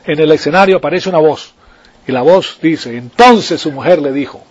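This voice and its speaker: A man's voice: on the high side, moderate pace, slightly rough. A man preaching a sermon in a conversational way, often checking with his listeners for agreement. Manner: conversational, asks the listeners for assent. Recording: dull lo-fi recording.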